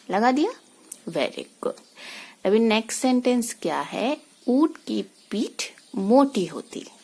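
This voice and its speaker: A woman teacher, slowly talking young children through a school exercise and asking them easy questions along the way. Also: mid-range voice, creaky, dark tone, breathy edge. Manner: slow, patient explaining with many rhetorical questions. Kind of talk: recorded lesson for young children.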